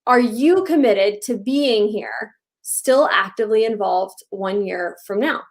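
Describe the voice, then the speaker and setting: A woman's voice: medium pitch, measured pace. A woman co-hosting a live coaching show, upbeat and encouraging, firing off rhetorical questions. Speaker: co-host. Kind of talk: live-streamed coaching chat.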